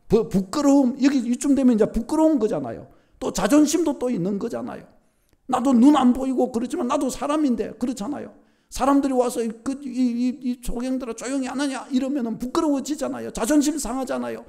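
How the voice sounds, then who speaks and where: A middle-aged man preaching a sermon as pastor, emphatic, repeating key phrases and building up to near-shouts. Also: extremely high pitch, fairly quick, vocal fry.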